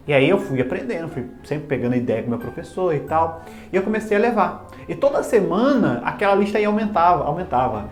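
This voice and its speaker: Homem contando história, voz bem expressiva. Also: male voice, high voice. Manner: animated, self-mocking and humorous. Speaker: music teacher. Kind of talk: casual personal storytelling. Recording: echoey room with faint music.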